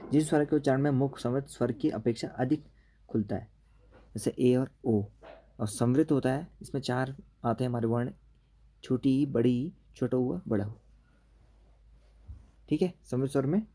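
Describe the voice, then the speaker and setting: A man's voice: medium pitch, warm tone. A man teaching an exam-prep grammar lesson, explaining step by step and checking in with "okay" after each point.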